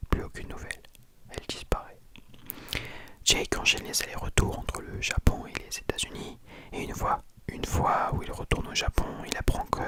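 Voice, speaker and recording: A person speaking in a hushed, breathy library whisper, telling and reviewing a book informally for ASMR. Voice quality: soft, breathy unvoiced whisper. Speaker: ASMR content creator.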